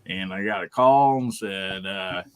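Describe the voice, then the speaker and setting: A man's voice: sits low, a little slow, clear, resonant tone. A man with a Southern US accent, out of breath, chatting folksily as a panel guest on a live stream. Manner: chuckling, folksy, with many fillers. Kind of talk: casual live stream chat.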